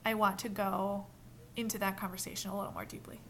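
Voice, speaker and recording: A woman leading a mentor training in a casual, animated way, acting out example lines as she explains. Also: mid-range voice, fast talker, slight background noise. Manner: animated, acts out quoted examples.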